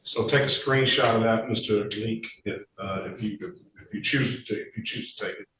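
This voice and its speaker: A man's voice: fairly low pitch, moderate pace. Male judge on an echoey courtroom recording. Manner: procedural, with frequent uh and um fillers. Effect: courtroom recording from a distant room mic. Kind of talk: presiding over a court hearing. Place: courtroom or judge's meeting room, indoors. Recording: echoey room, distant mic, faint noise.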